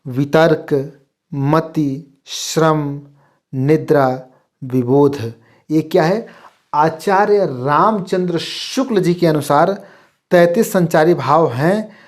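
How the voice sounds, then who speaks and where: A man from India teaching an exam-prep lesson, who keeps asking whether the class follows and reads lists of terms slowly and clearly. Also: fairly high pitch. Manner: repeats "ठीक ना?" to check the class, stresses each term. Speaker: Hindi teacher.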